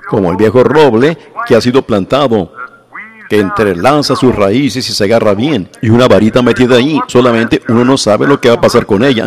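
A man preaching a sermon to a congregation, often asking "¿ven?" and slowing down to stress his points. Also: mid-range voice. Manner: keeps asking the audience "¿ven?"; slows down for emphasis.

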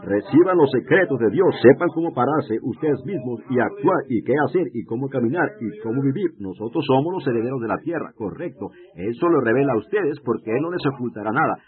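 A man's voice: mid-range voice, lively intonation, fairly quick, hardly any pauses. A man preaching a fervent sermon, pressing his congregation with rhetorical questions. His voice sits in an ordinary middle register. The sound is thin and tinny, as if heard over a narrow phone-like line.

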